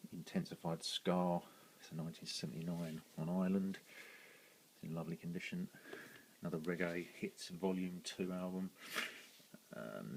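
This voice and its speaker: A British record collector talks through his shelves in a casual vlog. His voice sits very low, and he rambles along with frequent ums and corrections. A faint hiss sits under the recording. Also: poor audio. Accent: British English. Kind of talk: casual show-and-tell vlog.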